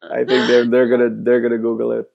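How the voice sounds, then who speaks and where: A man's voice: mid-range voice, completely flat delivery, fast, creaky, a little mellow. A man interviewing someone in a casual, conversational way, often restarting and repeating the openings of his phrases. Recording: dull, muffled sound.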